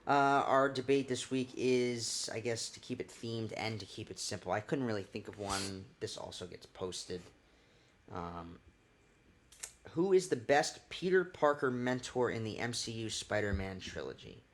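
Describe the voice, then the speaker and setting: Casual lower-voiced man hosting a podcast. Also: lively intonation, measured pace. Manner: loose, joking, swears casually. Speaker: podcast host.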